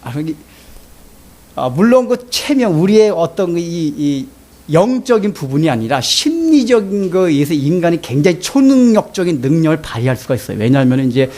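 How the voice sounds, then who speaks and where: A man preaching a sermon as a pastor, telling a story in an animated way and often laughing. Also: sits high.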